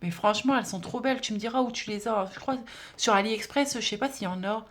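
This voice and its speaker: A woman's voice: fairly high pitch, fast talker. A woman vlogger chatting casually as she unboxes a parcel, gushing and exclamatory, with many fillers. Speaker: budget-challenge vlogger.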